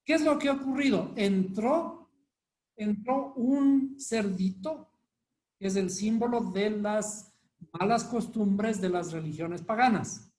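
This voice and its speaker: A man's voice: high voice, slow, a little mellow. A man teaching a live Bible study class, constantly quizzing his listeners with rhetorical questions. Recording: echoey room with faint noise.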